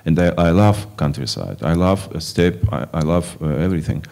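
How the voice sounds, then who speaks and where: A film director from Kazakhstan answering festival questions in halting, non-native English with many fillers and restarts. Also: male voice, very deep voice, animated, creaky, a little mellow. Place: film festival stage before an audience.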